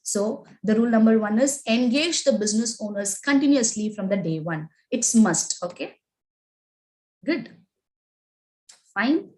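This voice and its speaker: In a medium-pitched voice, a woman with an Indian English accent runs a live online agile training class, captured on poor audio. She poses questions, reads out the answers typed in chat, and repeatedly adds "right?" and "okay?".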